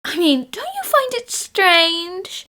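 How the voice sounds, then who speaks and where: A woman playing an excitable, theatrical young female detective in an overacted anime-style fan dub. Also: extremely high pitch, takes it slowly, exaggerated voice. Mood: insistent. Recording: voice over faint music. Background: faint music.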